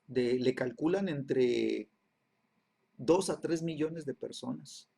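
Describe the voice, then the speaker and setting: A slow, creaky, husky male voice in the mid range, mellow overall. He's teaching a Bible class, going back over his phrases and tossing in "¿sí?" or "¿verdad?" to check on listeners after nearly each line.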